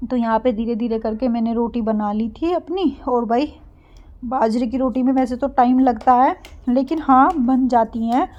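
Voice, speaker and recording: Young woman, soft-spoken, a little high-pitched, casual cooking vlog. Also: fairly even intonation, measured pace, lo-fi sound. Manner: soft-spoken, gets breathless when speaking loudly. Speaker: vlogger.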